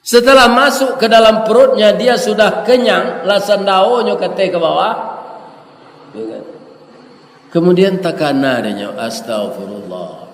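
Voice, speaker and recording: Minang accent preacher guy, slow and deliberate, kinda high voice, echoey hall. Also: animated. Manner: slow, deliberate, checks in with "ya kan?". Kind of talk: storytelling sermon. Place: prayer hall. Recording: echoey hall with faint noise.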